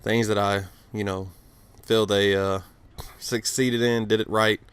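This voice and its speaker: Rambling low-voiced man in his late twenties. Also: level tone, a little slow, clean tone, dry recording. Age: late 20s. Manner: rambling, swears freely, many fillers. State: cold, a little stuttery. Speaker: gaming commentator. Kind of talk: casual gameplay commentary. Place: outdoors outside his house.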